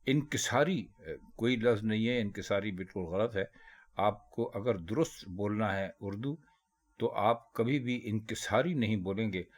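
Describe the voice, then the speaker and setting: A man, his voice a little low, gives a pronunciation lesson. He explains each word slowly and carefully, showing the correct form. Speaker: Urdu language teacher.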